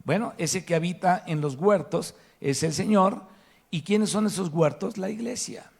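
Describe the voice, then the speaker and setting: A man's voice: high voice, a little slow, gravelly, husky. A man with a Mexican Spanish accent preaching a sermon to his congregation, emphatic and asking rhetorical questions. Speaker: pastor. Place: church hall.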